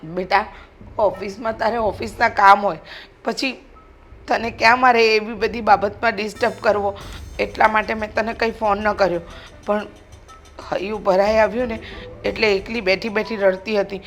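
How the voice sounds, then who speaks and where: A woman's voice: medium pitch, steady tone, moderate pace, a bit bright, soft background music, lightly acted. An older woman playing a scheming widowed mother-in-law who wails and accuses in a family drama. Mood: complaining tearfully. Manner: wailing self-pity, accusing.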